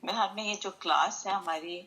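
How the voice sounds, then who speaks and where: A woman's voice: mid-range voice, bright, forceful tone, rough recording. A middle-aged woman oncologist speaking earnestly in a remembrance talk, mixing English phrases into her speech.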